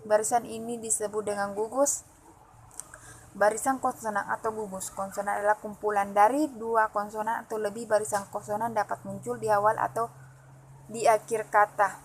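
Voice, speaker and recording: A woman presenting phonology material as a student, reading her notes aloud and pausing often with fillers and restarts. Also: medium pitch, little pitch movement, a little hiss or hum, poor audio. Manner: halting, with frequent "eh" fillers and restarts. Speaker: student presenting an exam assignment.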